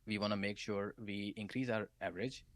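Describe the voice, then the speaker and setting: Brief: low male guest voice, advice-giving, conversational, dry close sound. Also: fairly even intonation, brisk, dry recording. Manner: advice-giving, often tags "right?". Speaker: solutions architect, guest. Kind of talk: casual interview chat.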